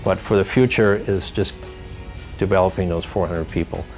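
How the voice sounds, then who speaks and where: A man's voice: low voice, steady tone, moderate pace, soft background music. A man in his fifties, a company leader, speaking earnestly in a local TV interview with some fillers. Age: 50s.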